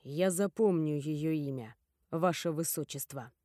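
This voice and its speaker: A woman voicing a cold, guarded young nobleman who speaks in a measured, cool way. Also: sits low, dark tone, no room sound, clean studio sound, voice pushed down.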